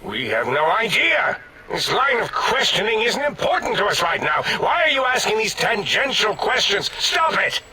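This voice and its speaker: A man's voice: sits high, very animated, normal speed, noisy background. An actor voicing a pompous, imperious male scientist in a video game, given to sudden outbursts. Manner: blustering, imperious, with sudden shouts. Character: pompous, bossy male scientist brain, quick to temper.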